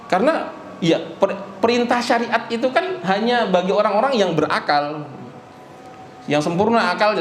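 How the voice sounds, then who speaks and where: A man's voice: high-pitched, a little hiss or hum. A man giving a mosque study lecture as an Islamic teacher, hesitating with fillers and answering his own questions. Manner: asks rhetorical questions and answers them. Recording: echoey mosque room.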